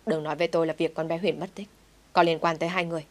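A woman's voice: sits low, little pitch movement, very fast, natural voice. A woman voicing a stern, commanding older father who scolds his family in an audio story.

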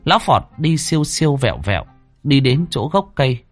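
A man narrating a comic story in a lively, expressive way. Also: mid-range voice, brisk, no room sound, soft background music.

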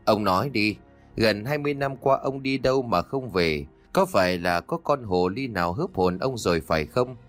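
A man's voice: fairly low pitch, lively intonation, normal speed, soft background music, close to an everyday voice. A man voicing a stern, jealous old wife who speaks in cold commands, in a read-aloud ghost story.

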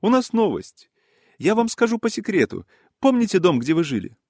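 A man voicing a fussy, high-pitched gossip. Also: normal speed, no room sound, studio quality, full character voice. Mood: excited gossip. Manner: excited, ingratiating, old-fashioned politeness. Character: fussy, gossipy middle-aged man, eager talker. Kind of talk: audiobook character voice.

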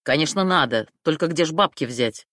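A woman voicing a nervous, hot-tempered young man who mutters in a lowered voice and flares up into shouting. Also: lively intonation, moderate pace, no echo, studio quality. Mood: tense, grim. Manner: lowered voice, blurts, shouts when accused.

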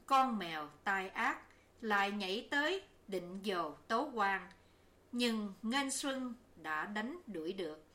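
A woman narrating a novel as an audiobook reader, in a measured, even storytelling manner. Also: medium pitch.

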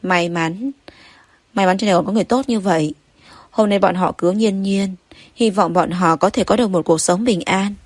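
A woman's voice: medium pitch, moderate pace, no echo. A woman narrating a novel as an audiobook, reading evenly and steadily. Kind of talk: scripted story narration.

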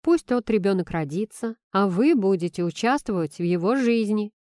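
A woman narrator with a warm, mellow tone voices a blunt, teasing young friend, recorded dry and close with no echo. The friend is sardonic and pointed, pressing her friend with questions while staying earnest and firm beneath the teasing. The medium-pitched delivery has lively intonation at a normal speed and is lightly acted.

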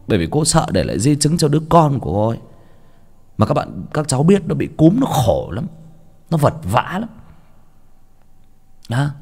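Young guy, gravelly and low, swings up and down a lot, stumbles over words. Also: a little mellow. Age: young adult. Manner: casual, stammers and repeats words. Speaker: audiobook reader. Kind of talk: rambling spoken monologue.

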